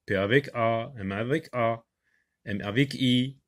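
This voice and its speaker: Man, reading teacher, unhurried delivery, drawn-out syllables, emphatic repetition. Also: medium pitch. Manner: slow, drawn-out syllable sounding with emphatic repeats. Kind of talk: classroom reading lesson.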